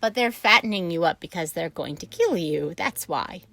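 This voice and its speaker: A woman voicing a blunt, worldly old female sheep who delivers bad news loudly and matter-of-factly. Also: on the low side, animated, normal speed, gravelly, heavily acted. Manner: blunt, matter-of-fact, loud. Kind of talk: storybook reading.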